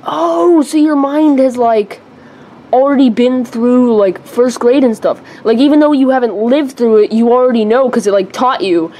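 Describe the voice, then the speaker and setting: A girl voicing an excitable older brother who rambles, full of fillers and restarts. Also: on the high side, normal speed, natural voice, poor audio. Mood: chatty.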